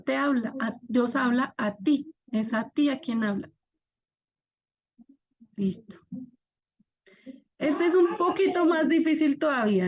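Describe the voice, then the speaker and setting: A woman's voice: on the high side, darkish tone, lo-fi sound. A young woman teaching an online class, patiently explaining step by step and asking her students to react.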